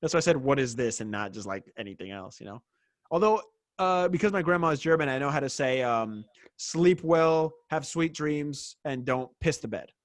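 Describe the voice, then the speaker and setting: A man's voice: a little high, lively intonation, moderate pace, no room sound. Young male sports-podcast co-host, laid-back, cursing casually, close dry mic. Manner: laid-back, swears casually, wraps up the show.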